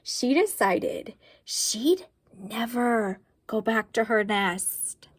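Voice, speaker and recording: A woman reading a picture book aloud, slow and expressive, pausing to ask her listeners questions. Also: fairly high pitch, slightly rough, dry recording. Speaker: storyteller.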